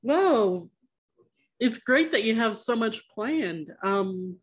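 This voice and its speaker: A woman's voice: fairly high pitch, lively intonation, takes it slowly, slightly rough. A woman hosting a podcast interview, chatting in a friendly way and laughing often. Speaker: podcast host. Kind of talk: casual interview chat.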